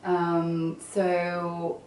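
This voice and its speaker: Recorded on a distant mic in an echoey room with faint background noise, a woman from England and Venezuela, a guest graphic designer, gives relaxed, halting interview answers. Her low, mellow voice is hesitant, marked by lots of ums, fillers, and restarts.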